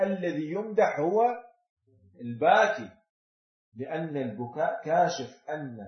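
High-voiced man preaching in an echoey hall. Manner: rhetorical, swings between loud emphasis and near-hushed asides. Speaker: religious speaker. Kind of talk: religious lecture. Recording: echoey hall on a dull, lo-fi recording.

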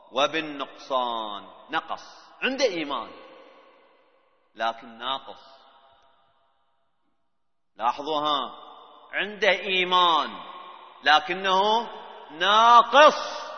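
A man preaching a sermon. He drops to hushed low stretches, then rises to forceful, emphatic peaks. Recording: dull reverberant hall sound.

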